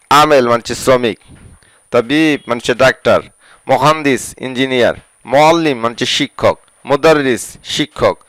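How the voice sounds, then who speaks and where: A man teaching a word-by-word language lesson, slowly repeating each word and its meaning. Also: mid-range voice, fairly bright tone, no echo, low-quality recording. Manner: slow, repetitive drilling of words and their meanings.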